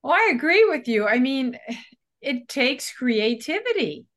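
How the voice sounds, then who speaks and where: A woman co-hosting an interview show, agreeing with her guest in a soft manner that trails off. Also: high voice, sing-song, measured pace, reverberant. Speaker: co-host. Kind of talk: casual interview chat.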